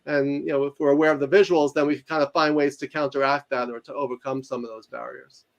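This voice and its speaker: A man with a New York accent, a guest author and teacher, talking fast and explaining with examples in a casual interview. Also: medium pitch, flat delivery, gravelly.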